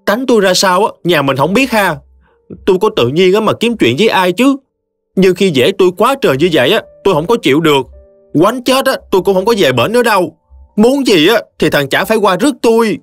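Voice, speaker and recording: A man voicing a sulky, sharp-tongued young bride with a Southern Vietnamese accent, talking in a whiny, defiant way. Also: fairly high pitch, very animated, brisk, no room sound, faint music behind, pitched above the performer's own voice. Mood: indignant.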